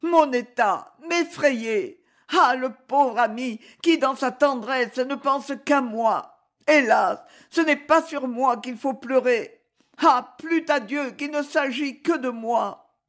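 A woman's voice: high-pitched, slow pace, pitched above the performer's own voice. A woman voicing a grieving young noblewoman, pleading and tearful. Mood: anguished.

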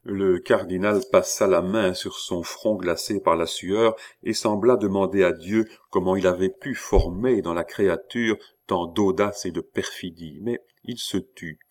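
A man narrating a classic novel as an audiobook in a measured, subdued way. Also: low-pitched, steady tone. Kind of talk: audiobook reading.

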